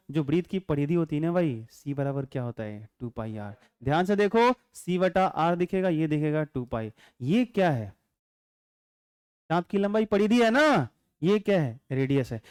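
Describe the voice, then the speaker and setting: This physics teacher speaks expressively at a moderate pace, his high voice clear, resonant, ringing and a little mellow. He lectures in a relaxed, talkative way, joking on the side and continually checking whether students are keeping up. Miked close and dry, with no echo.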